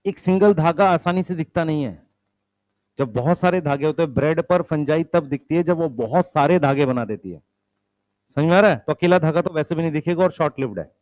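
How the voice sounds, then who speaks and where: A male biology teacher lectures his class in Hindi peppered with English science terms, his voice a little high, brisk and darkish, with no echo. He poses questions and answers them himself, and calls for the students' attention.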